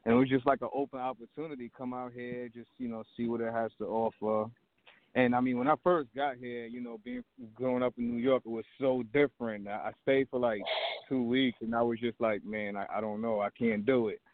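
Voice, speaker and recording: A man's voice: medium pitch, fairly quick. A man from Trinidad who owns a barbershop, chatting casually as a guest and rambling with lots of fillers. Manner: relaxed, rambling with many fillers. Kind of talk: casual interview chat. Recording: dry tinny phone line.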